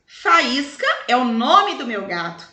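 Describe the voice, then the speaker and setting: A Brazilian woman teaching schoolchildren in a recorded review lesson, explaining slowly and stretching out example words in a sing-song way. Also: high-pitched, big pitch swings, pushed and bright. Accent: Brazilian Portuguese. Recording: echoey room.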